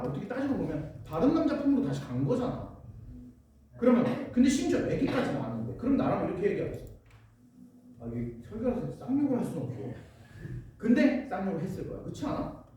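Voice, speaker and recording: A man's voice: high voice, dark tone. A young man preaching a casual sermon to teenagers at a church retreat, chatting with the audience and acting out quotes. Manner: conversational, asks the audience questions, acts out quotes. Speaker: youth preacher. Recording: echoey hall, voice from far off, faint noise.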